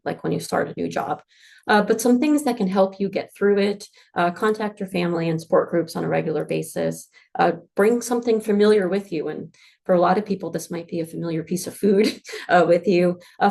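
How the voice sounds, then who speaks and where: An international office staff member, a woman with a North American accent, runs a pre-departure information session for students heading abroad, friendly and informative with frequent fillers. Her voice is fairly low, creaky, and somewhat dark.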